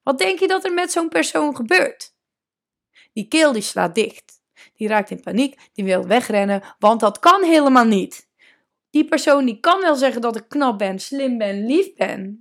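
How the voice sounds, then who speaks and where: A woman coach hosting a solo podcast, talking casually and emphatically, slowing down to stress her points and dropping in English words. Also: fairly high pitch, lively intonation, fairly bright tone.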